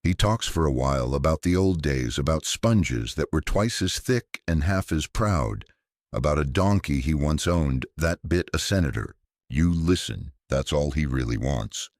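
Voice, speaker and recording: A man reads a calm, scripted sleep story in a very low, deep voice. His delivery is soft, unhurried and gently wry. It's a dry recording, close-miked with no room around it.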